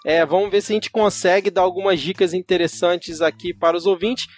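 A man's voice: sits high, fairly even intonation, brisk. A man with a Rio de Janeiro accent hosting a podcast interview in casual, informal slangy speech. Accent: Carioca, Rio de Janeiro. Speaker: podcast host. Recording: music behind the voice. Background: background music.

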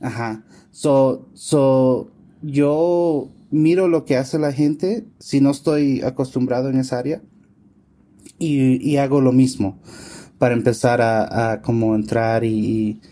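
A man answering interview questions in a relaxed conversation, hesitant with many fillers, slipping words into his Spanish. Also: medium pitch, slow pace. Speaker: interview guest, scientist and tech consultant.

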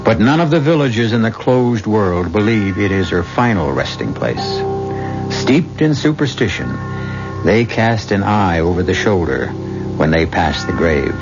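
A man narrating a dark radio drama as its host, in a grave, theatrical manner. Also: lowish voice, big pitch swings, measured pace, creaky, heavily acted. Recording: muffled, with music behind.

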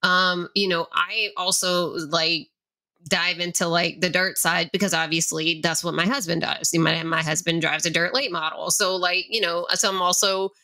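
A woman's voice: lowish voice, fairly even intonation, normal speed, sharp tone. A woman hosting an interview podcast, talking in a loose, rambling way with many fillers. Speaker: podcast host. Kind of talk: casual interview chat.

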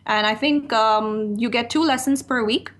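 On the higher side and fairly bright, this woman's voice moves at normal speed. A Pakistani freelance writer in her thirties, she's a chatty, open interview guest in a casual talk, laughing easily and often adding "you know."

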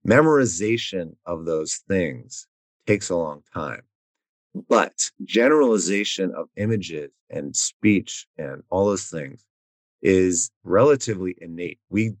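Low-voiced man explaining things in a dry room. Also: no echo. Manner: explanatory, walks through examples step by step. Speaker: guest expert. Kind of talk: casual interview explanation.

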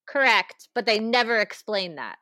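A woman in casual podcast chat, ranting in an animated way with quick asides. Her voice sits mid-range in pitch and is recorded close and dry, with no room sound. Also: no echo. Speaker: podcast co-host.

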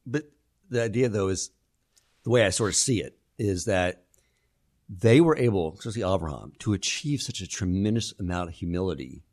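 A man's voice: low voice, a little mellow. A man telling a story on a roundtable podcast, acting out quoted dialogue as he goes. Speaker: guest speaker.

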